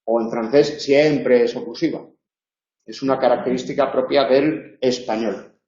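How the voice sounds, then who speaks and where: A man's voice: mid-range voice, steady tone, a little mellow. Man lecturing in a roomy, dull-sounding room. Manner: explanatory, demonstrates sounds slowly. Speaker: university lecturer. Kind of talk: online tutoring lecture.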